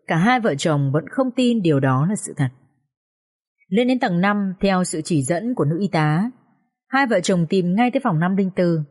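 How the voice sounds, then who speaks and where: A woman giving scripted audiobook narration in a steady storytelling manner. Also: lowish voice.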